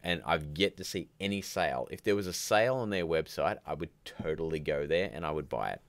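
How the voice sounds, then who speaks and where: With an extremely low-pitched voice and a brisk delivery, this livestream host chats and rambles from home, groggy with morning, and reads out comments from viewers. There's no echo on the recording.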